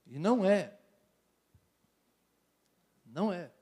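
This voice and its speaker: A man's voice: high-pitched, expressive, slow pace, warm tone. A middle-aged man with a Brazilian Portuguese accent, a pastor giving a sermon to young people, speaking conversationally with jokes and repeated phrases. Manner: conversational preaching with jokes and rhetorical repetition.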